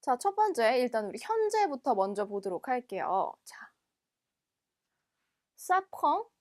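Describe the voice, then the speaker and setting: A woman teaching French from a textbook, explaining each phrase patiently and reading the French aloud slowly, often twice. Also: on the high side, very animated, darkish tone.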